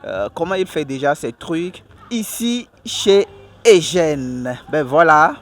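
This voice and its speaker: A man hosting a casual outdoor interview at a food stall, speaking in a lively, upbeat way. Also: a little high, slow pace. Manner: lively and upbeat, laughs easily. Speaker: interviewer and show host.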